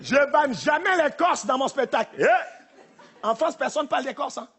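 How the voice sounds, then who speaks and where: With a very high, slightly bright voice, this male comic keeps an animated, moderate pace through his live theater set. He aims a punchy, teasing delivery at the crowd, and the audience and room noise are audible.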